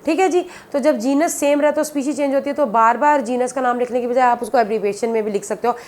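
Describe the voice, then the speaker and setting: Her voice is high and darkish, and she speaks quickly. In this classroom lecture on biology, the woman goes over each point patiently and repeatedly, frequently addressing students as "beta."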